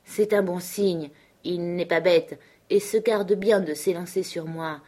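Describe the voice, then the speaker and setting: A woman's voice: on the low side, steady tone, measured pace, mellow. A woman reading as a blunt, sure-of-himself dog driver. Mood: insistent. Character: male sled-dog driver, blunt, confident. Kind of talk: audiobook character reading.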